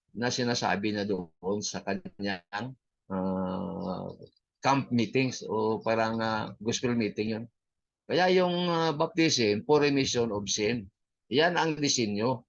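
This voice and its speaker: A man with a Filipino accent teaching a church history class in an unhurried way, with many fillers and English phrases mixed in. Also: on the low side, lo-fi sound.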